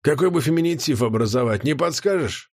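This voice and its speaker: A man's voice: on the high side, lively intonation, a little fast. A man voicing a fat, smug guardian born of chaos who drawls and mocks in a theatrical way, in an audiobook. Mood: mocking. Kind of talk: audiobook character voice.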